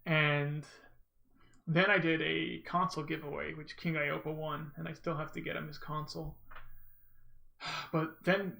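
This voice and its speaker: Bright, creaky-voiced man rambling over gameplay. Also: on the high side. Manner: rambling, informal, self-interrupting storytelling. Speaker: gamer, speedrunner commentating own run. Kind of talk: casual gameplay commentary.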